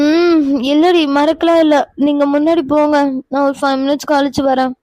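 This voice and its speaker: A woman's voice: high voice, steady tone, moderate pace, darkish tone, no echo, lightly acted. A woman voicing a lazy, sleepy young woman in a cartoon, drowsy and whiny. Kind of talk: cartoon voice acting.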